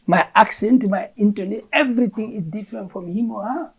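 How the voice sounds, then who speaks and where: A Gambian woman whose first language is Fula, working as a curriculum official, explains education policy in an interview, speaking emphatically and repeating words as she searches for them. Her medium-pitched voice is a little fast, with a darkish tone and a breathy edge.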